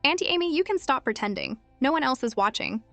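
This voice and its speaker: A scheming little boy speaks with a cool, mocking edge, far sharper than his years, as a woman reads him. The delivery is clipped and calm, close and dry, with faint music beneath. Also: medium pitch, fairly quick, no echo, close to an everyday voice. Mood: cold. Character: cold, calculating five-year-old boy, sharp beyond his years.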